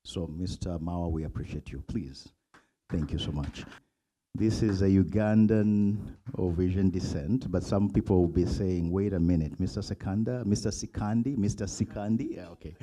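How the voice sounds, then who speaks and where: A man's voice: low voice, normal speed, dark tone. A man emceeing a convention, thanking speakers and inviting guests up. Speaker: event emcee. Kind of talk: emcee introductions.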